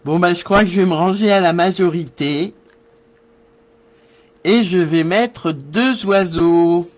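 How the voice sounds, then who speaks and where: Guy showing how to make a card live, talks real slow, thinks out loud, kinda dull lo-fi sound. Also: high-pitched. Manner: slow, thinking aloud while working. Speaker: card-making demonstrator. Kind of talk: live crafting tutorial, answering viewers.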